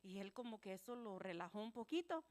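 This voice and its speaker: A woman telling a children's story in church, animated and gentle, acting out the voices with simple words for kids. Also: mid-range voice, brisk.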